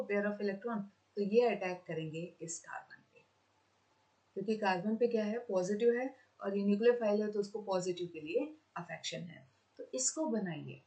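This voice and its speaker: A woman's voice: mid-range voice, darkish tone, poor audio. A woman teaching a chemistry class, with an Indian accent in her English. She mixes Hindi and English, repeats each question and answers it herself, and talks to her students fondly as children. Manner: switches between Hindi and English. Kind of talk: classroom lecture.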